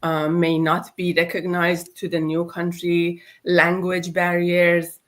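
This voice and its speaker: A middle-aged woman hosts a live online talk over a video call. She speaks very slowly with a slightly low voice and fills her sentences with ums and uhs. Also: completely flat delivery. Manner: slow, with many ums and uhs. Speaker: host.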